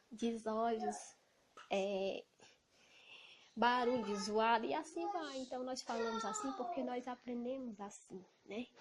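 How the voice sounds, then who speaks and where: Loud Cearense Brazilian woman, fairly high voice. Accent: Cearense Brazilian Portuguese. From Ceará, Brazil. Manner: speaks loudly, indignant and emphatic. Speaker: evangelical vlogger. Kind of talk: casual monologue to camera. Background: noisy children.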